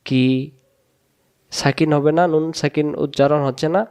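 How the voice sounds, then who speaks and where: A man teaching Quran reading, sounding out Arabic syllables one at a time and then joining them in a slow recitation lesson. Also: on the high side, level tone, a little mellow, clear, resonant tone.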